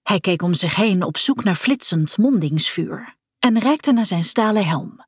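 A woman narrating a story in a breathy voice, with wry, expressive delivery. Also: lowish voice, no echo, studio quality. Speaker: audiobook narrator.

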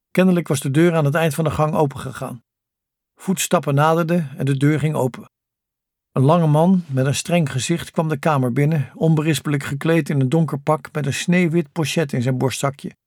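A man narrating a novel as an audiobook in calm, even scripted storytelling. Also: a little high, normal speed, no room sound, clean studio sound.

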